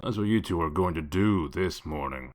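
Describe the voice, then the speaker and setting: Give this to a deep-voiced, hard-bitten wolf detective played by a man in a comic dub. He is gruff and curt, issuing orders with sardonic authority and a low, weighty voice. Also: normal speed, lightly acted. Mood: gruff, commanding. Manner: curt, commanding.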